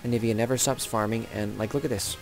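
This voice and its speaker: A man's voice: on the low side, steady tone, fast, creaky. A young man giving casual, rambling commentary over his own video game match, often correcting himself. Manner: chatty, rambling, self-correcting. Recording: game music and sound effects behind.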